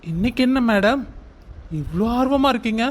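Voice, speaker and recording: A man's voice: very high voice, lively intonation, moderate pace. A man voicing a young husband in a cartoon family story, playful and pleading.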